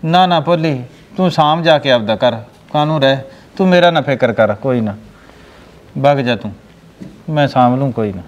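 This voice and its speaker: A middle-aged village farmer pleads earnestly in a fairly high male voice, as an actor plays him. Echo and a long reverb hang on every word. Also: moderate pace, dull audio, close to an everyday voice. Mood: pleading. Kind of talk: village family drama acting. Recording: echoey room with long reverb.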